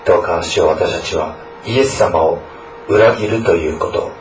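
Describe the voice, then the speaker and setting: Recorded with a distant mic in an echoey room, with background noise, this man's low voice moves at a moderate pace. He is a school chaplain earnestly praying, reading scripture and delivering a sermon to students. Many of his sentences end with a questioning tag.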